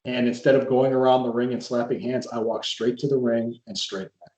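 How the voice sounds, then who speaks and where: A man's voice: mid-range voice, level tone, a little fast, darkish tone. Chatty man telling stories in a roomy space. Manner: rambling storyteller with frequent restarts. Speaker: podcast host and former wrestler. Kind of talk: casual interview chat. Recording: roomy echo.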